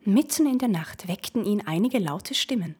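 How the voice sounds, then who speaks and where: A woman reads a classic fairy tale aloud. Her delivery is measured and steady, in a middle pitch. The tone is soft and a little breathy. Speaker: narrator.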